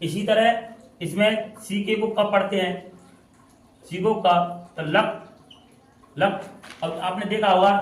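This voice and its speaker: A man with a high, fairly bright voice teaches English pronunciation in a classroom style, repeating words and spelling them out in a drawn-out way as he explains. He is recorded from far off in an echoey room.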